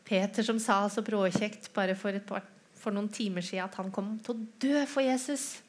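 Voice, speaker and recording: A woman preacher retelling a scripture story in a sermon, with asides to the listeners and quoted lines acted out in a raised voice. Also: medium pitch.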